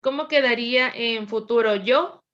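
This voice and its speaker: A woman teacher leads a grammar lesson, her voice sitting a little high. She patiently drills verb forms and prompts the class to answer back. The recording is dull and lo-fi. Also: normal speed, fairly bright tone. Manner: patient, drills conjugations with call-and-response.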